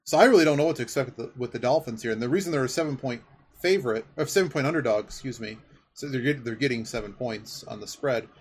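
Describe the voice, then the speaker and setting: Speaking at a quick pace with a medium-pitched voice, a man hosts a podcast and rambles enthusiastically about sports in casual conversation. You can clearly hear background noise behind him.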